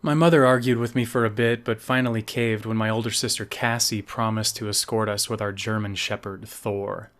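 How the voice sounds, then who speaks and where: A man, the author, reading his own novel aloud as measured scripted narration. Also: on the low side, fairly even intonation, a bit bright.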